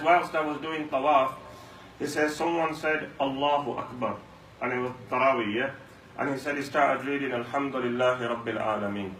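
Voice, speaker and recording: A man speaks at a mosque during Ramadan, telling stories and repeating lines for emphasis. His voice is mid-range and slightly bright, captured in an echoey room by a distant mic with a faint hum.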